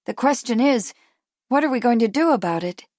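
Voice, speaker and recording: A woman's voice: a little high, lively intonation, brisk, a little mellow, no room sound, studio quality, voice pushed up. A woman doing an anxious determined lady. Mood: intent. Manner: earnest, urgent.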